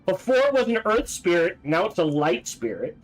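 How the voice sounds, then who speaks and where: Animated game streamer thinking aloud. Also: mid-range voice, moderate pace, soft background music, low-quality recording. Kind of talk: casual gameplay commentary, thinking aloud.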